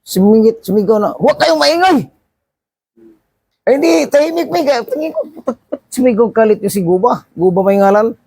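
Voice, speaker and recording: A middle-aged man, telling an animated work anecdote casually and acting out the shouts, with frequent restarts. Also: high voice, a little fast, breathy edge, no room sound. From Philippines. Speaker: seafarer vlogger. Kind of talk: casual storytelling.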